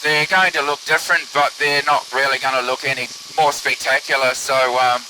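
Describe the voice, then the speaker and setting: A man's voice: mid-range voice, brisk, low-quality recording. A man piloting a microlight gives casual, musing running commentary through a pilot's headset, as if over the radio. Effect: pilot's headset or radio sound. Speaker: microlight pilot filming own flight. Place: open microlight aircraft in flight. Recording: steady aircraft engine and wind hiss.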